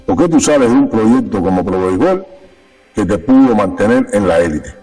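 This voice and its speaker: A man's voice: lowish voice, animated, moderate pace, dark tone, recorded from a distance, faint music behind, poor audio. A Cuban-born man speaking as a sports official guest in a conversational interview, emphatic and repeating his key points. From Cuba.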